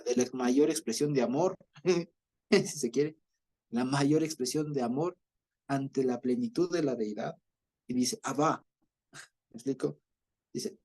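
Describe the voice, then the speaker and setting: A man with an Ecuadorian accent teaching a Bible study, explaining slowly and often checking that his listeners follow. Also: mid-range voice, dark tone, slightly rough. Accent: Ecuadorian Spanish. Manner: explanatory, repeats himself with many fillers and checks for understanding. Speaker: preacher.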